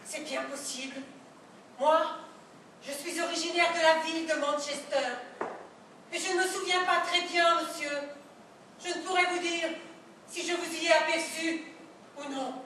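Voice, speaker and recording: A prim, overly courteous wife, played by a woman in a live absurdist play, speaking in measured, ceremonious tones. Her voice is very high and bright and moves slowly. It is heard from far off on a reverberant stage. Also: steady tone, a little hiss or hum, exaggerated voice. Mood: prim politeness. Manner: formal, measured, ceremonious politeness. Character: prim, overly polite middle-class wife. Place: theatre stage. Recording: echoey stage sound from a distant mic.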